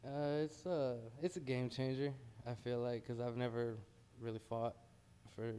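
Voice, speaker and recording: A man's voice: mid-range voice, fairly even intonation, measured pace, dark tone, slight background noise. An American man, a heavyweight boxer, talking casually and modestly in a pre-fight interview.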